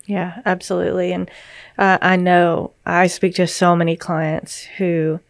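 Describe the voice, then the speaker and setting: A woman speaking as a grief counselor and podcast co-host, giving gentle, reassuring explanations in conversation. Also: on the low side, flat delivery, unhurried, gravelly, dry recording, studio quality.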